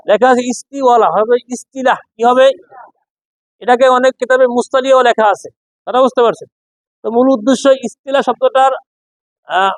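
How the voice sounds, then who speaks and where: A man leads a recitation lesson in a strikingly high voice. He drills his students, asking the same question again and again in call-and-response. The sound is dry, with almost no room around it. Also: dry recording, low-quality recording. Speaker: Quran recitation teacher. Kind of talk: classroom lesson.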